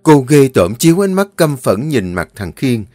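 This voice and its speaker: A man narrating a dramatic audio story in a steady, earnest storytelling voice. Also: medium pitch, normal speed, no echo. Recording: dry close voice, faint music.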